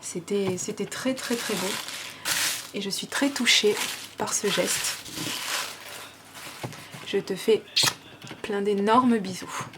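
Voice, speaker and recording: A woman's voice: medium pitch, takes it slowly, pauses often, noisy background. A woman vlogger with a French accent, gushing and chatty as she unboxes gifts, with many fillers. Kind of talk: casual unboxing chat.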